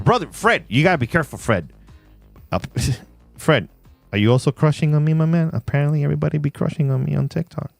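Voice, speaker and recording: A man hosting a casual livestream, with a fairly high voice that swoops lively up and down. He is playful, laughs often and reads chat shout-outs, with faint music behind him. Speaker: livestream host. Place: in Puerto Rico.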